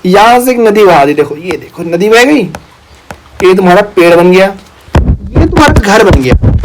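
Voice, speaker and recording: A man's voice: sits high, rough recording. A young man teaching an online exam-prep lecture, talking playfully and teasing his students as their big brother.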